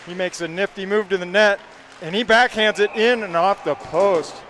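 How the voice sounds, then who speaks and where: Guy calling hockey play by play, fast, kinda high voice, light background hum. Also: fairly bright tone. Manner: rapid play-by-play, names each pass. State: hiccups. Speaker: play-by-play commentator.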